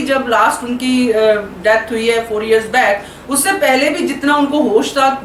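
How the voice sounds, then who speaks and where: Chatty female film vlog host with a high voice, recorded far from the mic in a roomy space. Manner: chatty, laughs while telling. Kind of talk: casual storytelling to viewers. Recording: roomy echo, distant mic, faint hiss.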